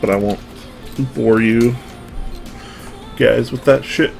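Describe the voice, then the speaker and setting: A young streamer with a slow, creaky, mid-range voice talks casually to viewers as he builds a keyboard at his home desk. Music plays behind him while he rambles, answers chat and makes self-deprecating jokes in a relaxed way.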